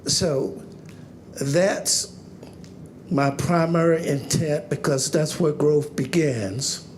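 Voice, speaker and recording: Slow, halting man giving a speech. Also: fairly high pitch, a little hiss or hum. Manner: halting, in short broken phrases. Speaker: newly sworn city councilman. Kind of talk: plain-spoken acceptance speech.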